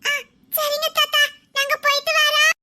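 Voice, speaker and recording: Sweet little grandkids, very high-pitched. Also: completely flat delivery, normal speed, bright, forceful tone, no room sound, studio quality, exaggerated voice. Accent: Tirunelveli Tamil. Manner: polite, sing-song, calling grandpa often.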